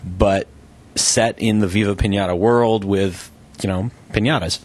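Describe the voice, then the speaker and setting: Lower-voiced male gaming co-host. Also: fairly even intonation, a little slow, a little mellow. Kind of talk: casual gaming chat.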